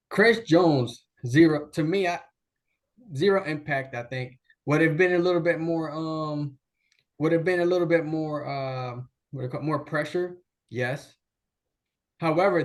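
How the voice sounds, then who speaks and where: A man co-hosting a casual sports debate from a video call, opinionated and rambling, restarting his sentences. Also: medium pitch. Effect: remote voice over a video call. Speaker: sports show co-host. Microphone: laptop video call.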